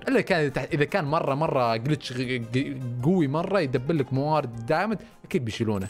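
A young man commentating a video game playthrough, switching between low muttering and loud excited outbursts. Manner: animated, swings between muttering and excited shouts. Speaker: gaming YouTuber. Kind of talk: Minecraft let's-play commentary. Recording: faint background music.

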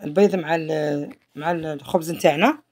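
A woman's voice: deep voice, steady tone, normal speed, darkish tone. A woman with an Algerian Arabic accent, narrating a home cooking tutorial in a chatty way, often trailing off mid-phrase. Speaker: home cook.

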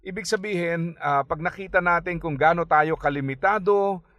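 A man's voice: a little high, normal speed, dry recording. Filipino man giving a radio Bible talk. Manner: conversational, mixing English phrases, frequent tag questions; animated when retelling stories. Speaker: radio program host. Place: radio studio.

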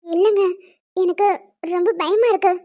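A fretful, sulky young bride-to-be in a cartoon, voiced by a woman. The voice is extremely high and thin, and the recording sounds dull and lo-fi. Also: steady tone, moderate pace. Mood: worried. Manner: fretful, sulky, mock-quarrelsome. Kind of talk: animated cartoon dialogue.

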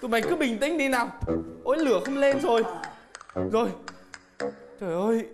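A man's voice: very high voice, animated, a little fast. An actor playing a fussy young man who wails and stammers over his friends. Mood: mock grief. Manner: over-dramatic wailing and stammering. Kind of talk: sitcom acting. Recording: music playing behind.

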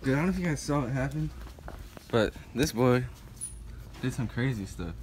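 A man's voice: medium pitch, lively intonation, moderate pace. A young man vlogging casually with friends, talking like a rowdy frat bro with slang and swearing. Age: young adult. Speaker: prank vlogger. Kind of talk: casual handheld vlog chat with friends. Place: large retail store, indoors. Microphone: handheld camera, later a phone. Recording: very noisy camera audio, store ambience.

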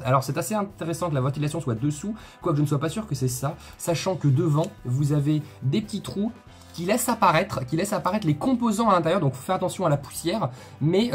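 A man's voice: a little high, animated, fast, faint music behind. A man hosting a casual unboxing video, chatty and joking, often repeating himself and talking straight to his viewers. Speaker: tech video host.

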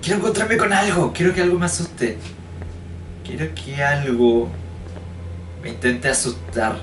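A man's voice: a little high, a little slow, fairly bright tone, far from the mic. A man giving chatty gameplay commentary, joking and thinking aloud as he explores. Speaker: let's play gamer. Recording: roomy echo, voice a bit off-mic. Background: game music.

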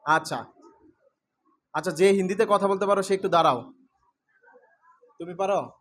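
A man teaching English to a room of schoolchildren, asking questions and calling out letters loudly. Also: sits high, moderate pace. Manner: calls out questions and drills the class, often loudly. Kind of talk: classroom lecture to students. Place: classroom with pupils.

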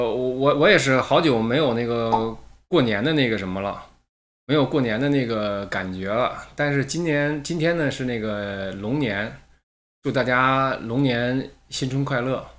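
A man's voice: mid-range voice, a bit bright. A man hosting a casual livestream. He chats to viewers about his mic and then reads a listener's letter aloud. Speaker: livestream host. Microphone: streaming mic with a noise gate.

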